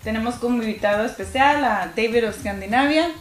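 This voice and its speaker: A woman's voice: on the high side, fast. A woman hosting an interview who asks questions politely and encourages her guest. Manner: polite, encouraging, frequent backchannel. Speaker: interview host. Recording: roomy echo.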